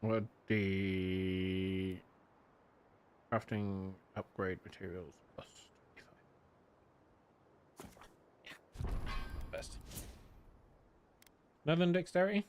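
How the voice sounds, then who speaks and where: A man's voice: deep voice, flat delivery, very slow, long pauses, a little hiss or hum. Man muttering over gameplay. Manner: muttering, reads game text aloud. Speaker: gaming video host. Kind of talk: casual gameplay commentary.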